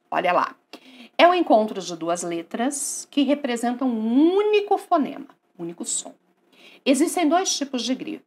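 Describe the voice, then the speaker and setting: A woman teaching a grammar lesson online, asking and answering her own questions in a coaxing, lively way. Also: medium pitch, slightly rough.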